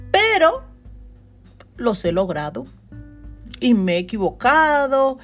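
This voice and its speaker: A woman. She hosts a motivational podcast as a coach and talks in an animated, chatty way, laughing often. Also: high voice, extremely slow, soft background music. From Dominican Republic. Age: 40s.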